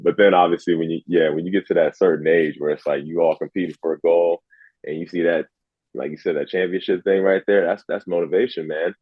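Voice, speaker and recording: A man's voice: extremely low pitch, no room sound. A man talking casually as a podcast guest, rambling and filling his talk with "you know what I'm saying.". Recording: dull, dry lo-fi sound.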